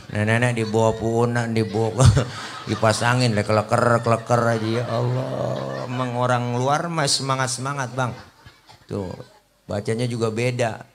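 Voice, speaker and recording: A man's voice: medium pitch, moderate pace, slight background noise. Joking male preacher. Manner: lively joking preacher who sings religious chants. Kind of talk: humorous sermon.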